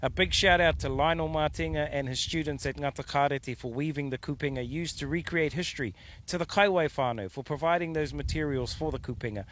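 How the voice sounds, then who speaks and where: A man's voice: a little high, a little fast, fairly bright tone. A man with a Māori New Zealand English accent reporting on location as a news presenter outdoors. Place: outdoors by a river valley. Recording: outdoor location with background vehicle noise.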